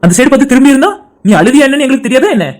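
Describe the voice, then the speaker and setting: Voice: sits high, animated, a little mellow. Performer voicing a blunt teasing young man. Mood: scolding. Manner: blunt, scolding, quick-talking. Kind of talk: animated cartoon dialogue.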